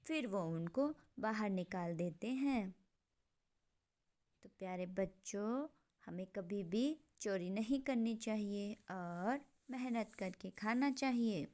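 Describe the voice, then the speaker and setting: A woman narrating a children's cartoon story and voicing its characters, in a gentle moralizing manner. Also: medium pitch, takes it slowly.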